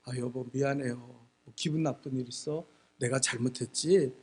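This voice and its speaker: Quoted role: gentle, pleading middle-aged wife, husky and fairly high, done by a male preacher. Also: fairly quick. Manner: soft, hushed.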